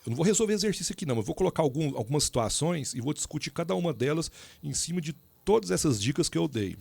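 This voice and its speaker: A male professor talks his students through mechanics problems in a relaxed, conversational way, often breaking off and restarting as he goes. His voice is gravelly, with a fry in it. The sound is dry and close, with no room around it. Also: on the high side, fast, no echo. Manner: informal, talks straight to students with many asides and restarts. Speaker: engineering professor. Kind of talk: recorded lecture.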